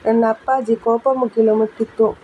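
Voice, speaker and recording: A woman reads a first-person story in an even, measured way. Her voice is fairly high but flat and mellow. It sounds dull and lo-fi, with a faint hiss underneath.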